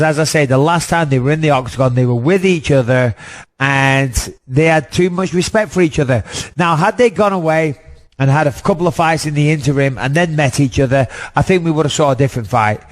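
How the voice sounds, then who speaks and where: A man in his thirties, a former fighter co-hosting a podcast, talking bluntly and emphatically in casual chat and swearing now and then. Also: fairly high pitch.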